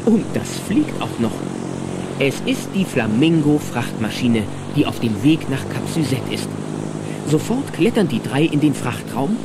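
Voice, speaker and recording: Narrating a children's adventure radio play, a man with a slightly high voice plays the lively storyteller, dramatic and playful. The recording is very noisy, with music and engine sounds in the background.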